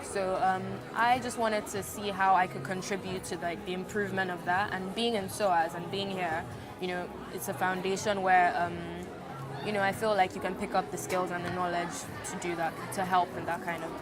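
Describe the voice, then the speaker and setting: A woman's voice: fairly low pitch, flat delivery, normal speed, over music, a crowd in the background. A young woman from Nigeria, a student, answering interview questions in a hesitant way, full of fillers and restarts. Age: young adult.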